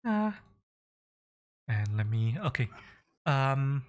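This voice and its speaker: A man running a tabletop game, improvising the narration and thinking aloud in a halting way. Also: mid-range voice, very animated. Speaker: game master.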